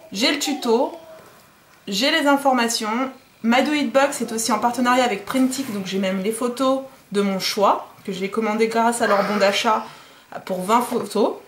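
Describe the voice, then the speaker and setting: A fairly high-voiced woman from France talks through a craft box in a relaxed, chatty vlog, full of little fillers. Faint background noise and clicks sit under her voice. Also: moderate pace. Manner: chatty, hesitant with many fillers, says "hop" often. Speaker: DIY vlogger. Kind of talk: casual unboxing vlog.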